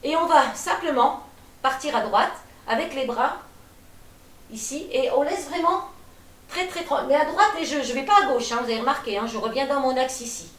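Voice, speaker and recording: A woman teaching a gentle gym class, calmly cueing breaths and movements while she demonstrates. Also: sits high, moderate pace. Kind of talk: guided exercise class. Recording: echoey room, voice from a distance.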